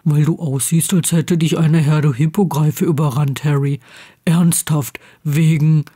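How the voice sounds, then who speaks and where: A woman voicing a blunt, stubborn teenage boy wizard who grumbles low and keeps his voice hushed. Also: fairly even intonation, unhurried, breathy edge.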